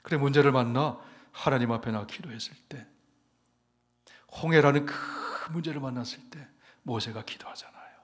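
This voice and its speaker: A mid-range male voice at normal speed delivers a sermon in a church sanctuary with a big-room sound. The pastor swings from forceful proclamations to hushed whispers, asking the congregation to say amen and repeat after him.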